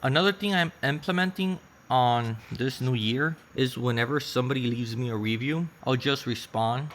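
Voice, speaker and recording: A native Spanish-speaking man vlogs casually about his Etsy shop, walking through his screen and often correcting himself mid-sentence, so his talk rambles at an uneven pace. His voice is medium-pitched and fairly bright, with a little hiss or hum in the audio.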